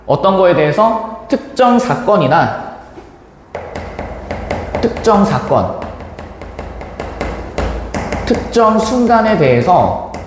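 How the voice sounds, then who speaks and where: A man's voice: sits high, a little hiss or hum. A young man teaching Korean literature in a classroom, telling a slangy personal story and acting out the voices of the people in it. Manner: animated, slangy, acts out quoted voices. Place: lecture classroom. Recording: echoey classroom with long reverb.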